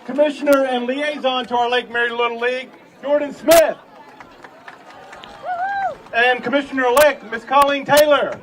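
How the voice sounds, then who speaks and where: A man's voice: very high-pitched, fairly even intonation, moderate pace, pauses often. A man speaking as city manager at a public ceremony on an outdoor stage, with an informal, folksy address. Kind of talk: public event speech to a crowd. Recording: distant outdoor PA with crowd and noise.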